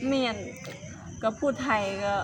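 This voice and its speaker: A woman's voice: takes it slowly, rough recording. Lao woman with a Phu Thai accent. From Laos. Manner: talks in short replies, laughs easily. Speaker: interviewee, single mother. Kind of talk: casual conversation. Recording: background noise.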